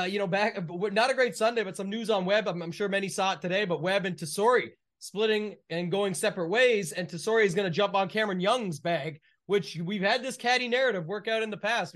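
A man's voice: high-pitched, a bit bright. A man co-hosting a golf podcast, chatting casually about sport in loose, run-on, clipped phrases. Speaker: co-host of a golf betting podcast.

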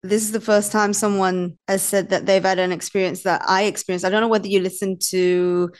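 A woman's voice: medium pitch, a little fast. A woman hosting a podcast, talking casually and filling her sentences with "like" and "kinda". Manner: relaxed, uses fillers like "like" and "kinda". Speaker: podcast host. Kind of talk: casual chat.

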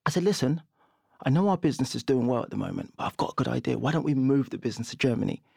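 A man, a guest telling lively stories in a casual podcast interview and laughing often. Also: mid-range voice, very fast, gravelly, husky, no echo, studio quality. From London, England. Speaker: guest, property investor.

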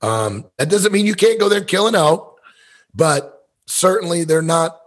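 This podcast guest, a Missouri man in his fifties who hunts elk and owns a business, tells rambling, folksy, candid stories in casual conversation. His voice sits on the high side, sing-song and unhurried.

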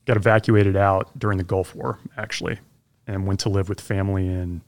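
A man in his forties talks easily about growing up abroad in a fairly low voice. His manner is relaxed and conversational, and it turns animated when something excites him. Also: brisk. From grew up abroad (Belgium, Zimbabwe, Pakistan), then Florida. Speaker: podcast guest, former Army helicopter pilot. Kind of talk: casual interview storytelling.

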